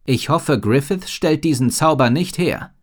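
A man's voice: fairly high pitch, expressive, a little slow, pitched above the performer's own voice. A man voicing a grave, worried sorceress. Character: worried wise female head sorceress.

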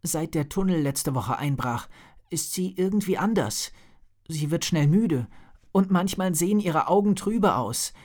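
This is a worried young girl from a read-aloud dragon story, voiced by a man reading. The voice sits clearly higher than his natural one and takes its time. A faint husky grain runs under the pleading tone. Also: animated, a little slow, darkish tone. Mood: anxious.

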